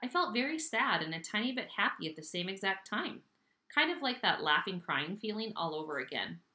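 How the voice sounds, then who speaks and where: A woman reading a children's novel aloud with expressive, animated storytelling, recorded in an echoey room. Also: mid-range voice, a little fast. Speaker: audiobook reader.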